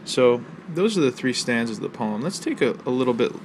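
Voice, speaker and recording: A man teaching a college literature lesson, explaining a poem's rhythm and imagery in a measured way with fillers and pauses. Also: mid-range voice, very animated, slight background noise. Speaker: college instructor. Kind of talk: recorded literature lecture. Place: outdoors near a library.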